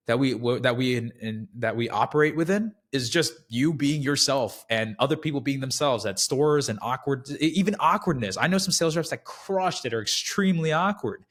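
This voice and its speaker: A man's voice: medium pitch, moderate pace, hardly any pauses, a bit bright. A man in his twenties, a guest on a sales podcast, talking casually and rambling with many restarts.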